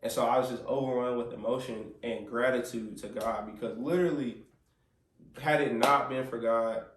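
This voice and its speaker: A man's voice: mid-range voice, fairly even intonation, normal speed, background noise. A man telling his baby's birth story with earnest feeling, quoting himself and the nurses as he goes. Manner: earnest, quotes himself and others, prays aloud. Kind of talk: emotional storytelling. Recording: roomy sound, mic at a distance.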